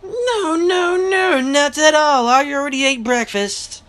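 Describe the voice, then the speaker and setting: A woman reading aloud, voicing a charming gentleman with a smooth, teasing manner. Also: very high-pitched, takes it slowly, voice pushed up, exaggerated voice. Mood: courteous. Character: teasing charming gentleman suitor, adult man.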